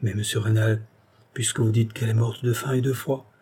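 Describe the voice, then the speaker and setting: A man's voice: fairly low pitch, steady tone, brisk, darkish tone, slightly rough. A man voicing a simple-hearted young village man, plaintive, earnest and tearful. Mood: grieving.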